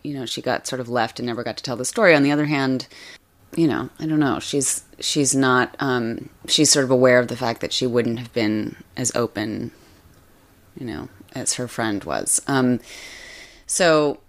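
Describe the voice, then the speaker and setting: A woman with an unusually low-pitched voice talks through an interview at her own pace. She hesitates a lot, trails off and restarts her thoughts, leaning on "you know" and "um" as she goes. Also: normal speed. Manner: hesitant, many fillers and restarts. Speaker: author guest. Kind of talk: casual interview chat.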